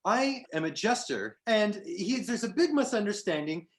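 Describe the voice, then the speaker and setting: A man's voice: sits high, expressive, normal speed. A man voicing a frustrated but hopeful male satyr jester who talks in a wordy, self-pitying, theatrical way. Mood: eager.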